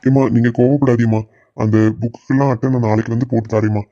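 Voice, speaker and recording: A man's voice: mid-range voice, steady tone, quick pace, warm tone, no echo, lo-fi sound, natural voice. A man voicing a placating young village husband, in a cartoon. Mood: pleading. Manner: pleading, peacemaking. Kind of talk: cartoon voice acting.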